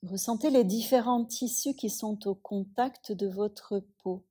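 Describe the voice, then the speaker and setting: A female yoga teacher leads a yoga nidra relaxation in a soft, soothing, husky voice of medium pitch, leaving long pauses.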